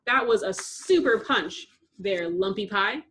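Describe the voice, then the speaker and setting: A woman's voice: mid-range voice, lively intonation, a little slow, fairly bright tone. A woman voicing a doting, overprotective fatherly scientist who gushes and fusses over the girls with sugary pet names. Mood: gushing.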